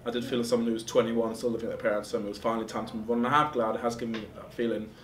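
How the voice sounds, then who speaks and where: A man's voice: little pitch movement, racing. A man, answering interview questions hesitantly and searching for words. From Germany. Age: 20s. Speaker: student interviewee. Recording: roomy, distant mic with faint rumble.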